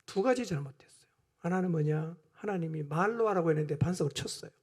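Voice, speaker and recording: Impassioned high-voiced male preacher. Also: fast talker. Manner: impassioned preaching, swinging between hushed asides and loud emphatic outbursts. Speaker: pastor. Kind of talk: sermon. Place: church.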